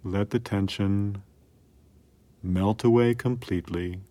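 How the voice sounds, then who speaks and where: Deep-voiced man, slow guided relaxation. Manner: calm, soothing, measured with long pauses. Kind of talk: scripted guided muscle relaxation.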